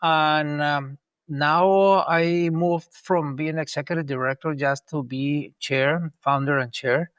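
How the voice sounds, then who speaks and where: A man's voice: fairly high pitch, steady tone, slow, a bit bright, clean tone, dry recording, lo-fi sound. A man from Colombia in his sixties, answering interview questions in a rambling way with many ums and restarts. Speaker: guest, urban planner.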